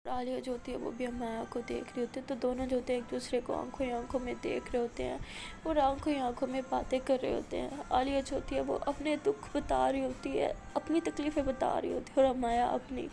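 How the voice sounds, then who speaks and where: A woman's voice: high voice, little pitch movement, gravelly, dark tone, soft background music. A woman narrating a romance story in a casual spoken way, flowing along with small fillers. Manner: plain, flowing retelling with hesitant fillers.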